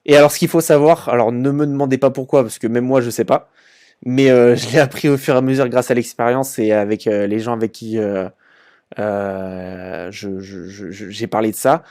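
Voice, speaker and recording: A man's voice: mid-range voice, steady tone, normal speed, darkish tone. A young man hosting a casual online business video, talking through a website with lots of fillers and repeated words. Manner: informal and chatty, many fillers and repeated words. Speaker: e-commerce channel host. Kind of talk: casual screen-share commentary.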